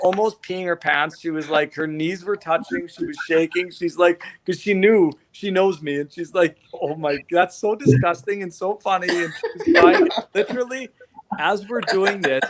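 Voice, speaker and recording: A man hosting a podcast, telling a story in casual chat and laughing often. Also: high voice. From Canada. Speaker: podcast host.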